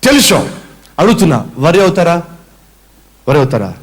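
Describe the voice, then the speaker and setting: A male preacher with a high voice that swoops up and down as he works the room. He throws questions at the congregation, answers them himself and drops in English phrases along the way. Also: big pitch swings, normal speed, husky. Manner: acts out a whining complainer as an example. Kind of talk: sermon.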